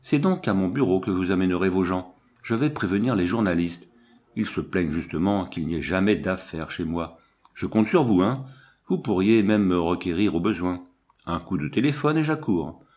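Casual: guy reading as a fussy little police commissioner, pompous and chatty, kinda low voice, storybook style. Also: lively intonation, moderate pace, a little mellow. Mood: bluff, chatty. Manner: chatty, self-important, confiding.

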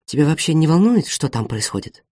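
Мужчина изображает взбалмошную озорную девушку. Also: male voice, on the high side, very animated, brisk, dark tone, no room sound, studio quality. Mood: hushed. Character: excitable mischievous young woman.

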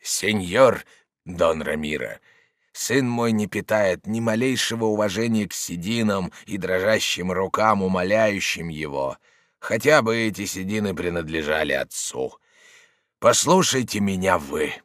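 A man's voice: mid-range voice, a bit bright, no echo, studio quality, natural voice. A man voicing a stern, commanding old nobleman who pleads with his hot-headed son in an audiobook. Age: older. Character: stern old nobleman, grieving authoritative father.

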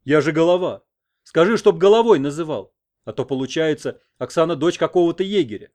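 Pompous, loud middle-aged local official, barking, played by a male narrator. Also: a little high, expressive, fairly quick, voice pushed up, lightly acted. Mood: bossy. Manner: bossy, loud.

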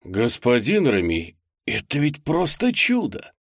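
A man's voice: medium pitch, wildly swooping pitch, a little slow, no echo, clean studio sound, pitched above the performer's own voice, exaggerated voice. A man voicing a polite, deferential young male clerk in an audiobook, speaking formally and earnestly. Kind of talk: audiobook character voice.

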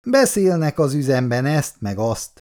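A man's voice: mid-range voice, sing-song, a little mellow, close to an everyday voice. A man reading aloud as an apologetic, unsure young factory worker.

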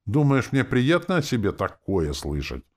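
A man voicing an arrogant young female elf princess with a shrill, indignant manner in an audiobook. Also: wildly swooping pitch, normal speed, darkish tone. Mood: prickly. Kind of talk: audiobook character voice.

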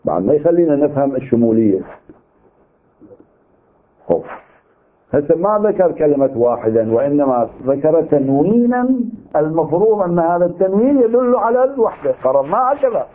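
A man teaches a seminary lecture in an Iraqi Arabic accent, working through his reasoning with rhetorical questions. His voice sits a little high for a man. The sound is thin and tinny, like a narrow-band recording. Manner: argumentative, poses rhetorical questions. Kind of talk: lecture on legal theory.

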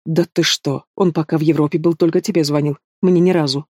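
Audiobook heavy: mocking young thug, read by a man, mellow and fairly high. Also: fairly even intonation, brisk, dry recording, studio quality, lightly acted. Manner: taunting, drawling, casual menace. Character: sneering young male villain, lazy and mocking. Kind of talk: audiobook character voice.

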